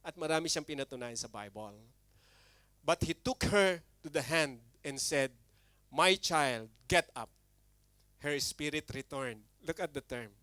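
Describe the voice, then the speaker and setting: A man preaching a sermon as pastor, animated, with big swings between loud and soft. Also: fairly high pitch, moderate pace, no room sound.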